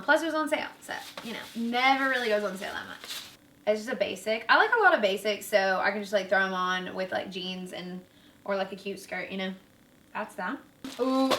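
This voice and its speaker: A woman's voice: medium pitch, bright, forceful tone, a little hiss or hum. Chatty young woman rambling through a clothes haul, kinda breathless, echoey room, sounds a bit far from the mic. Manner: bubbly, chatty, lots of fillers. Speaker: vlogger. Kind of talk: casual unboxing chat. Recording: roomy, from away from the mic.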